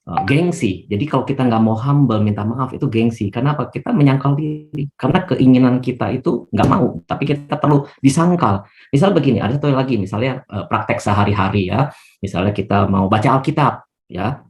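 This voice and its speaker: A man leading a bible study on a video call, explaining calmly with everyday examples and a frequent "ya". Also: mid-range voice, a little fast.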